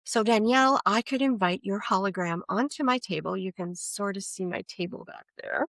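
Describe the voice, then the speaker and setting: A woman's voice: medium pitch, moderate pace, creaky. A middle-aged woman talks casually as a guest on a podcast, explaining her work. She breaks into the voices of people she quotes as she tells her stories. Her voice is recorded dry, with no room echo. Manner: animated storyteller, acts out quoted voices. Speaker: energy coach guest.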